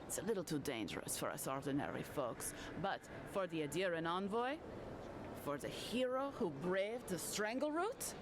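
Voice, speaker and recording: An actress voicing a flattering, pious townsperson in a fantasy video game, asking for help in a coaxing way. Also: female voice, fairly low pitch, moderate pace, background noise.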